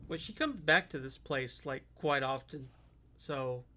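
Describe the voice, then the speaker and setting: A man's voice: medium pitch, animated, unhurried, noisy background. A man giving casual reaction commentary as a streamer.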